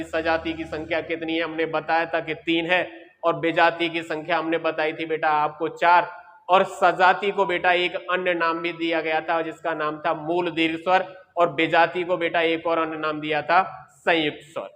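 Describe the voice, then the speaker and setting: A man's voice: a little high, level tone, normal speed, a bit bright, a little hiss or hum. A man teaching Hindi grammar in a lecture, fatherly and coaxing, addressing students as children and using homely everyday examples. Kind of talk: classroom lecture. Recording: reverberant room.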